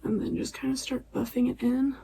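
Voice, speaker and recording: A woman chatting casually through a makeup tutorial at home at night, relaxed and chatty, often dropping to a near-whisper. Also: high voice, a little fast, gravelly, slight background noise, low-quality recording. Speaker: beauty vlogger.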